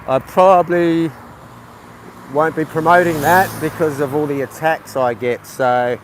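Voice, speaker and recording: A man's voice: a little high, steady tone, slight background noise. A man from New Zealand chatting casually on a phone live stream outdoors at a night market, rambling and restarting his sentences. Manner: rambling, halting, with many restarts. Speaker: livestreaming vlogger.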